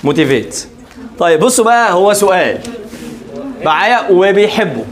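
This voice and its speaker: His pitch sits high and his pace is normal as he delivers a classroom lecture in Egyptian Arabic-accented speech. The man keeps things lively, cracking jokes and frequently making sure his students follow along.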